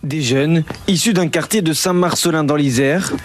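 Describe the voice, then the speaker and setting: A male TV reporter reading a scripted news voice-over in a measured, drawling way. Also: on the high side.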